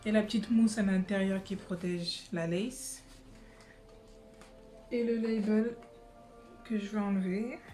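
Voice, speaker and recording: A woman's voice: mid-range voice, fairly even intonation, takes it slowly, long pauses, warm tone, soft background music. A young woman chatting casually in her living room during a wig try-on vlog, hesitant and full of fillers and restarts. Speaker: beauty vlogger.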